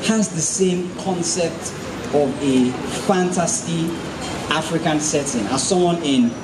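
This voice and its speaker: A man's voice: fairly high pitch, measured pace, heavy background noise. A man giving an enthusiastic, rambling thank-you speech full of fillers. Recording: echoey distant mic in loud crowd.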